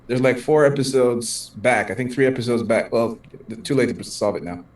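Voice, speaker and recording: A man's voice: mid-range voice, normal speed, a little mellow, distant mic. Chatty co-host man in an echoey room. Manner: chatty, teasing, laughs often. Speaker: podcast co-host. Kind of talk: casual podcast banter. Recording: echoey, away from the mic.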